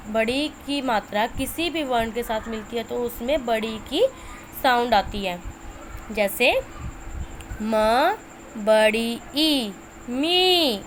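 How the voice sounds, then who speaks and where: Slow, patient woman teaching letters. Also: fairly high pitch, slight background noise. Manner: slow, drawn-out sounding of letters, repeating each. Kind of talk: Hindi lesson for teachers and parents.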